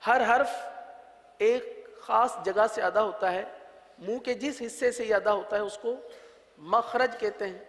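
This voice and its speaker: High-voiced Pakistani man teaching letter sounds. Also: pauses often, a bit bright. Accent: Pakistani Urdu. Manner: patient, repeats sounds drawn out for students. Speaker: Quran reading teacher. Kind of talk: religious letter-pronunciation lesson. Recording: long reverb.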